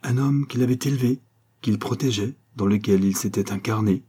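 Cool measured countess, read by a man, dark husky voice, audiobook. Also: medium pitch. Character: composed, calm older countess. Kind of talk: audiobook reading.

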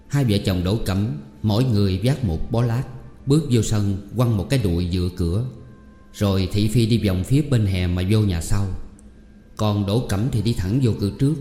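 A man narrating a novel in a steady storytelling voice. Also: fairly low pitch. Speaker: audiobook reader. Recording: echoey room with long reverb.

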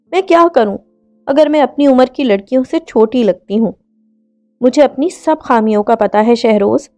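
A woman's voice: sits high, warm tone, close to an everyday voice. A woman voicing a slight young woman who is hurt and pleading in a read-aloud story. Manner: pleading, wounded.

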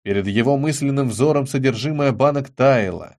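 A man narrating an audiobook in an expressive, measured reading. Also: medium pitch.

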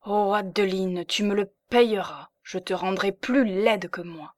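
A woman's voice: mid-range voice, a little slow, no echo, clean studio sound, close to an everyday voice. A woman reading an audiobook, voicing a bitter, jealous older spinster with an intense, vengeful undertone.

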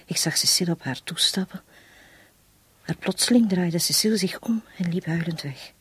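In a radio drama, an actress plays a long-suffering, resolute woman making a confession. Her lowish voice is breathy and husky, her delivery halting and intense, with a grave, bitter mood.

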